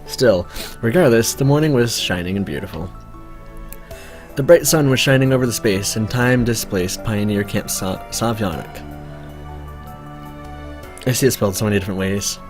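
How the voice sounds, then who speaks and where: A man's voice: lowish voice, moderate pace, long pauses, faint music behind. A man playing a visual novel, reading its narration aloud and breaking off for chatty asides. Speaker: let's play gamer.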